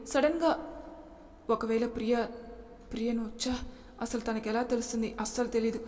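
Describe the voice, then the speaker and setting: A woman's voice: on the high side, normal speed, a little mellow, natural voice. A woman voicing a young husband who sweet-talks and turns hesitant when pressed, with a long reverb on the recording. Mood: anxious.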